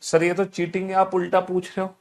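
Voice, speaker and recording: A man's voice: sits high, completely flat delivery, brisk. A man voicing a young male student who complains to his teacher in a pleading, whiny way. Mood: protesting.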